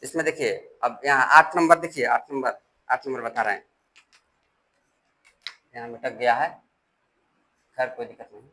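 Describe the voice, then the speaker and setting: A man's voice: mid-range voice, steady tone, moderate pace, pauses often, sharp tone, rough recording. A man teaching decimal addition step by step, patient and repetitive, reading digits aloud one by one. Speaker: math teacher. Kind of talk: step-by-step classroom explanation.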